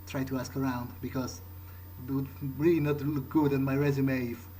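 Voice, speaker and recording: A gameplay host improvises as his character during a playthrough, hesitating, thinking aloud, and repeating words. His voice is medium-pitched and warm, with a flat delivery at normal speed. Background noise is clearly audible.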